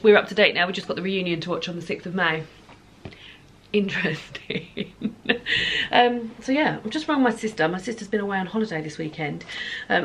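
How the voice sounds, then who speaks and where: A woman's voice: medium pitch, a bit bright, a little hiss or hum. A woman chatting casually and giggling often while vlogging at home about books and her weekend. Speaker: book vlogger. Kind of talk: casual home vlog chat.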